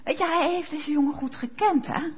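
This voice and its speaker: A woman preaching a sermon, slow and emphatic, rising to fervent quoted prayers. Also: sits high. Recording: dull lo-fi sound.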